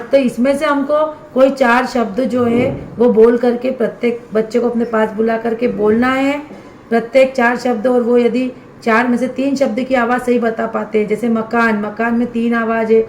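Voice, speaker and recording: A woman's voice: fairly high pitch, steady tone, normal speed, darkish tone, reverberant, a little hiss or hum. A woman primary school teacher explaining step by step how to fill in a student assessment workbook for fellow teachers. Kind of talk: instructional walkthrough for teachers.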